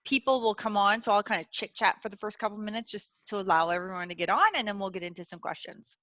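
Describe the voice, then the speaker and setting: A woman's voice: medium pitch, fairly even intonation, fast talker, a bit bright, dry recording. A woman hosting a webinar over a video call, chatting casually and reassuringly, with lots of "like" and "you know". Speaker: webinar host. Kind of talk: casual chat.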